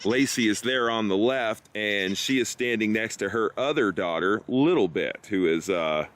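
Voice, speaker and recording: A man's voice: fairly low pitch, normal speed, fairly bright tone. A man talking casually and explaining things as a farmer co-hosting a vlog. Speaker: goat farmer and co-host. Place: outdoors in a goat pasture. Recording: outdoor noise with bleating goats. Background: goats bleating, faint outdoor ambience.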